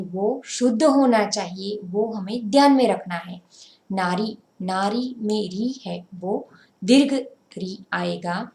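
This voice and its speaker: A woman teaching a grammar lesson, explaining slowly and pointing things out step by step. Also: mid-range voice, a little mellow. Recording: roomy echo.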